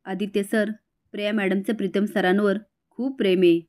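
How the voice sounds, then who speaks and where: A woman's voice: mid-range voice, fairly even intonation, moderate pace, a little mellow, lightly acted. A woman voicing an earnest, loyal young woman who pleads and reasons with others in a retold TV serial.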